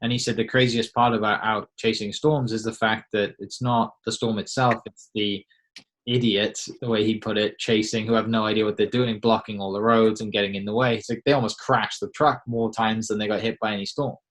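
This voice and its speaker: Man, slightly deep voice, interviewer, relaxed conversational wording, hesitant repeated phrases. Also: brisk.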